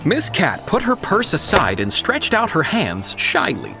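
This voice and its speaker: Very expressive storybook narrator. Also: mid-range voice, a little slow, gravelly. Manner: expressive, dramatic. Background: background music.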